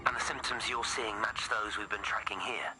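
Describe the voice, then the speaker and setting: A man's voice: fairly low pitch, fairly even intonation, moderate pace, very noisy, natural voice. A man playing a pressing, urgent official. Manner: pressing, insistent. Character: urgent man demanding an airstrike.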